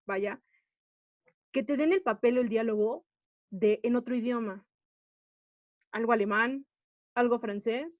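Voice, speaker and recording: A woman's voice: fairly high pitch, no echo. A woman teaching an acting class, explaining patiently and often checking that the students follow. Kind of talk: online class lecture. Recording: dull, dry lo-fi audio.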